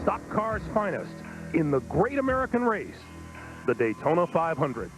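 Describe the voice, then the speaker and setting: A man with a high-set voice narrates a sports broadcast. He booms out scripted lines as a dramatic announcer. Loud music runs behind him. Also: wildly swooping pitch, normal speed, poor audio.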